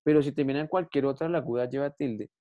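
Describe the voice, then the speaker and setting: Low-voiced woman teaching class. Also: fast talker, narrow, tinny audio. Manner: patient, explanatory, affectionate with students. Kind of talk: classroom lesson on Spanish grammar.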